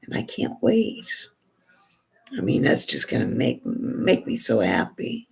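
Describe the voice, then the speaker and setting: Woman vlogger, hoarse and raspy, lively pitch swings, slow rambling chat. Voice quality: gravelly, raspy. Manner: chatty, rambling with many restarts and fillers. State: hoarse, losing her voice. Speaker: beauty vlogger. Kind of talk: casual chat while doing makeup.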